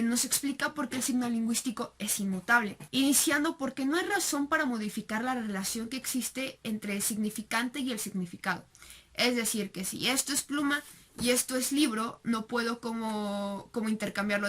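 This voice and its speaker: A woman's voice: on the high side, a bit bright. A young woman with a Mexican Spanish accent, giving a recorded class presentation with many fillers and rhetorical question tags. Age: young adult. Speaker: student presenter.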